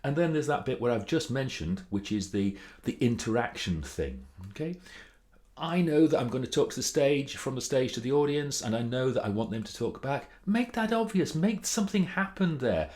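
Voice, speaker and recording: This British man, host of a presentation-coaching video series, talks informally to camera with a medium-pitched, slightly mellow voice. He's animated and moderately paced, his advice delivered in a chatty, theatrical, emphatic way.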